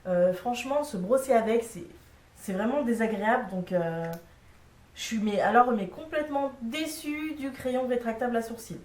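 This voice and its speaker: A woman's voice: on the high side, moderate pace, darkish tone, distant mic. A young woman casually reviewing makeup products, chatty and frank, with lots of fillers. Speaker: beauty vlogger. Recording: echoey room, a bit off-mic.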